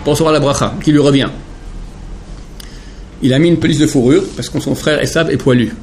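A man giving a Torah lecture to an audience of men, emphatic and rhetorical, swinging between hushed explanation and impassioned questions. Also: fairly high pitch, steady tone, a little fast, slight background noise. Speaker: rabbi teaching Torah.

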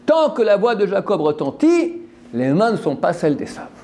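Animated man teaching a religious lesson. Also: high-pitched, moderate pace, slight background noise. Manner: animated, asks and answers his own questions; quotes verses then translates them. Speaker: Torah teacher.

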